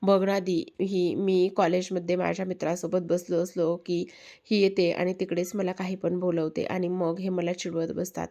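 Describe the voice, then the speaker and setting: A scared young college girl who stumbles over her words, as a woman narrator puts her on. The voice is low, with little rise and fall. It is storybook reading rather than a full character act. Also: little pitch movement, normal speed, mellow, close to an everyday voice. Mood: complaining. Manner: stammering, tearful.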